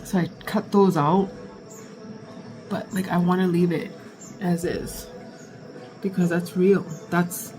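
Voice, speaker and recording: A woman's voice: on the low side, fairly even intonation, over music, low-quality recording. A woman talking casually and candidly to her own vlog, often stopping, restarting and interrupting herself as she thinks aloud. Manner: halting, self-interrupting, candid. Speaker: vlogger recording herself. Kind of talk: casual confessional vlog talk.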